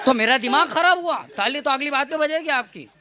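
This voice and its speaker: A man's voice: very high-pitched, heavy background noise. A young man, a comic poet, telling self-mocking stories and teasing a live audience from the stage. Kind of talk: stage comedy storytelling.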